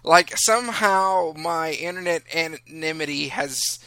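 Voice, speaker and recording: A man's voice: on the high side, measured pace, bright, forceful tone, clear, resonant tone, no room sound. A man hosting a casual podcast from a room in his house, chatty and self-deprecating, rambling with restarts. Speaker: podcast host.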